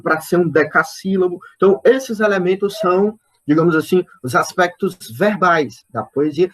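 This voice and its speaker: A male literature lecturer from Brazil speaks on an online poetry lesson, his voice sitting a little high. He works through his points slowly, repeating words and stopping to check in with his listeners. At times he counts out syllables and stresses aloud. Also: a bit bright. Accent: Brazilian Portuguese.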